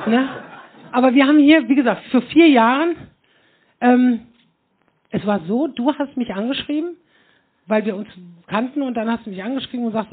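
A man tells stories to a hall audience in a loose, rambling way and keeps throwing in "ne?". His voice sits high. The live recording is muffled and thin, like a phone line. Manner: rambling, constant tag questions "ne?". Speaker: host of a live podcast show. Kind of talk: chatty live stage talk to an audience.

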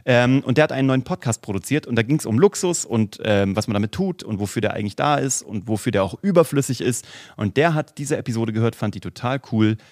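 A man co-hosting a marketing podcast, telling stories lively and laughing often. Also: mid-range voice, fast, dry recording, clean studio sound. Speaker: podcast co-host. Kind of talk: casual podcast chat.

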